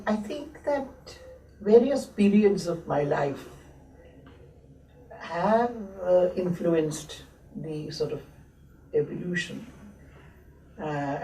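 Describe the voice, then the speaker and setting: A woman in her seventies, born in Lahore and raised in Abbottabad, reminisces slowly as an interviewee, with many hesitant pauses. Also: fairly low pitch, dark tone. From born in Lahore, grew up in Abbottabad. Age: 70s. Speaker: interviewee, textile historian. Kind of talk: slow reflective reminiscing. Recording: roomy echo, mic at a distance, faint hiss.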